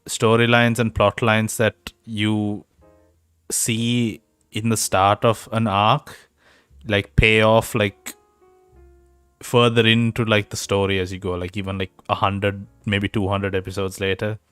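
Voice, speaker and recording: A young podcast co-host chats casually and jokes, rambling with lots of fillers, his voice fairly low with little pitch movement, a measured pace, and a slightly bright, clean tone. He's on a home mic over a voice call that sometimes cuts out, with no room sound and soft background music.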